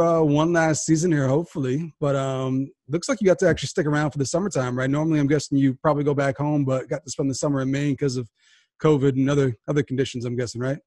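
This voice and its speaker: Man, podcast host, quick-talking, upbeat, dry close sound. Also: medium pitch, no echo. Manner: energetic, hype host with frequent restarts. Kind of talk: sports podcast interview.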